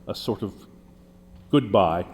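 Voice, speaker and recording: A man's voice: lowish voice, animated, slow, vocal fry, a little mellow, breathy edge, full character voice. A man playing a deceased poet testifying as a witness in a mock trial, explaining at length with frequent restarts. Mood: earnest. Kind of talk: mock trial role-play. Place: courtroom. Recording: long hall reverb.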